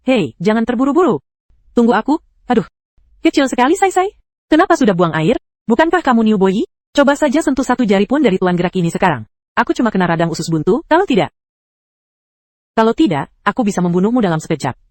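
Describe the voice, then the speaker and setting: A woman's voice: mid-range voice, lively intonation, quick pace, a little mellow, no room sound, clean studio sound. A synthetic text-to-speech female voice narrating an anime recap, reading every character's lines in the same voice.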